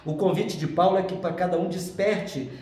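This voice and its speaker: A man's voice: high-pitched, fairly even intonation, normal speed, dark tone. A middle-aged man giving a spiritist lecture, chatty and playful, moving between earnest teaching and joking asides. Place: lecture hall. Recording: echoey hall from far off, faint background noise.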